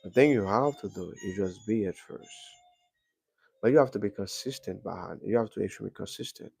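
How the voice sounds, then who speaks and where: A man's voice: lowish voice, a little fast, creaky, darkish tone, breathy edge, no room sound, faint music behind. A man hosting a casual motivational livestream on a microphone, repeating himself and calling his viewers guys. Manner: repetitive, keeps addressing viewers as guys. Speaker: livestream host.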